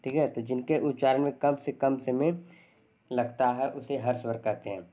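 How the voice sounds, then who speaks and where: A man's voice: medium pitch, steady tone, normal speed, mellow. A man teaching grammar to exam students, asking questions and answering them himself, often repeating definitions. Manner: asks and answers his own questions; repeats definitions, says "thik hai" often. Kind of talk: Hindi grammar lesson.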